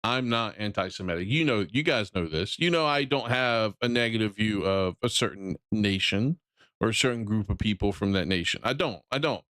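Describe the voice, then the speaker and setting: On a live stream, a Southern American man reacts to games with blunt rants, frequently restarting or repeating what he says. His voice sits fairly low yet sounds rather bright and expressive, moving at a moderate pace. The studio-quality audio has no room sound, and he hails from the Southern United States.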